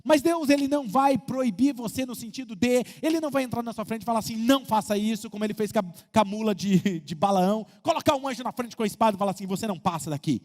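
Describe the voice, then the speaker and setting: A male pastor preaching a sermon in a church, animated, acting out his congregants' voices and swinging between loud and hushed. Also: sits high, quick pace, hardly any pauses, big-room sound. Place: church auditorium.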